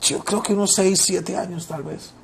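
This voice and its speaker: A man's voice: high voice, steady tone, moderate pace, gravelly, breathy edge. A man, preaching informally as a pastor, telling personal stories and repeating phrases for emphasis.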